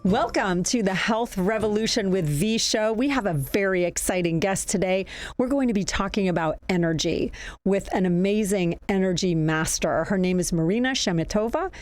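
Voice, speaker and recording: A woman's voice: mid-range voice, expressive, normal speed, no echo, faint music behind. A woman hosting a health interview show, welcoming her guest in an effusive, gushing way. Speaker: show host. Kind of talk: casual interview.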